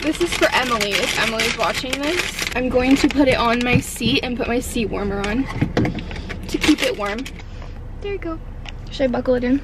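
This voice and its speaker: A woman's voice: a little high, a little fast, very noisy. A woman chatting casually to camera in a day-in-my-life vlog, bubbly and full of "like" and "um". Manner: bubbly, chatty, filler-heavy with "like" and "um". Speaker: vlogger.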